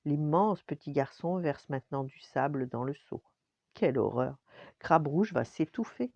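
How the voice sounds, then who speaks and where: An older woman reading a bedtime story in a lively, expressive way. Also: low-pitched, unhurried, no room sound, dull audio. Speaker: storyteller grandmother.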